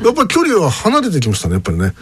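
A man hosting a casual radio chat, telling stories in a lively way. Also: high voice, very fast, slightly rough. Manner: storytelling, lively, chuckling.

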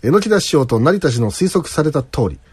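A man's voice: a little high, very animated, a crowd in the background. A man from Kyushu hosting a radio show, chatting casually and reading listener letters with many fillers and hesitations. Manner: halting, full of fillers and hesitations.

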